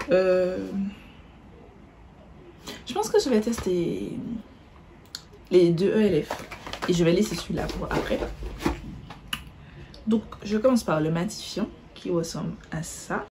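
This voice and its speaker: A woman's voice: medium pitch, a little slow, long pauses, noisy background. A woman chatting casually through a makeup tutorial, correcting herself as she goes and describing each product while she applies it. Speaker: beauty vlogger.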